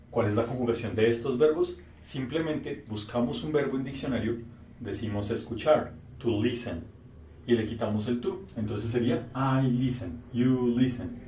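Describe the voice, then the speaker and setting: A man with a mellow, relaxed voice gives a patient grammar lesson and draws out key words slowly. He sounds a little distant from the mic, and the room around him is echoey. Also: mid-range voice, a little hiss or hum. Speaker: English teacher.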